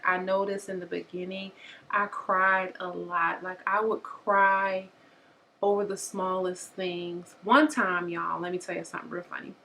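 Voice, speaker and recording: A woman's voice: mid-range voice, a bit bright. A young woman, chatting candidly to her viewers, a bit short of breath. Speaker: vlogger. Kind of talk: casual chat to camera.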